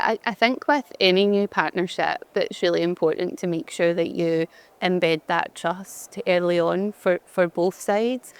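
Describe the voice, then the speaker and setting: Low and smooth, with a thick Glaswegian accent, this Glasgow woman is a head of digital experience appearing as a guest in a conference fireside chat. Her talk is relaxed and chatty, full of fillers and frequent restarts.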